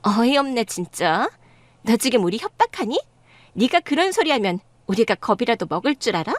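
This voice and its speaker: A woman playing a sneering high-pitched mother-in-law. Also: sing-song, moderate pace, dry recording. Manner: sneering, scolding. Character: scornful middle-aged mother-in-law, harsh and domineering. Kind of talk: dramatized story dialogue.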